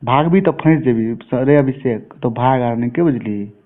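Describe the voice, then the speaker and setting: Recorded over a tinny, narrowband phone line, this informal call features a Mithila man with a Bihari accent who swears frequently and crudely. His voice is mid-range and his speed normal.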